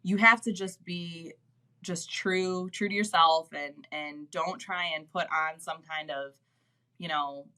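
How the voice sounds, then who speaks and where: A woman's voice: on the low side, steady tone, takes it slowly, pushed and bright. A woman talking as a guest in a casual business interview, chatty and filled with "like" and "you know".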